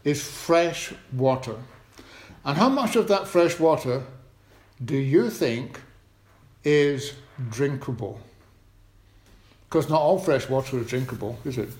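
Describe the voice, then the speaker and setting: A man's voice: medium pitch, lively intonation, slow, long pauses, darkish tone, echoey room. A man leading a children's talk at a church service, chatty, asking the congregation questions. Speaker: preacher. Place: church hall.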